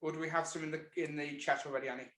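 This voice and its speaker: A man hosting an online meeting, enthusiastic and halting, often repeating words. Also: on the high side, level tone, a bit bright, echoey room, poor audio. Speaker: host.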